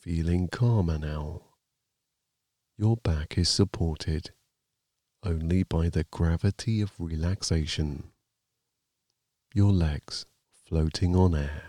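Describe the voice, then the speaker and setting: A man narrating a guided sleep meditation like a sleep story, in a calm, soothing, gently measured manner. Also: low-pitched, no echo, clean studio sound.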